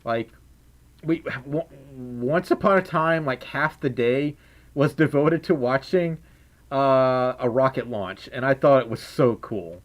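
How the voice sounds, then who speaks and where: Speaking slowly in a mid-range, scratchy voice, a young male streamer reads donations and chat messages in a casual livestream. He keeps the mood playful with giggles and humming.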